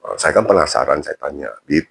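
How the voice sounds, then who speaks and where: Man, low husky voice, lively pitch, casual colloquial storytelling. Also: normal speed. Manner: chatty, colloquial, self-mocking, many fillers. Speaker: guest telling his conversion story.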